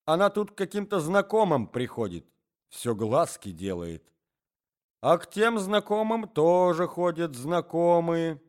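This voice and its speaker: Brief: rambling wheezy old husband, voiced by a man, lively sing-song pitch. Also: measured pace. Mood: doddering chatter. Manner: rambling, wheezy, coughs often. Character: forgetful coughing old husband, doddering and chatty.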